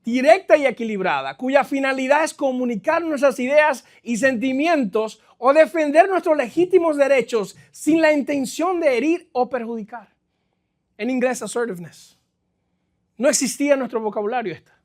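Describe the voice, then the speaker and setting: Male pastor, middle-aged, very high voice; lively sermon delivery with sharp shifts in volume, some English phrases mixed in. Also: moderate pace. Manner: lively preaching, swings between loud exclamations and quiet stretches; mixes English phrases into his speech. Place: church.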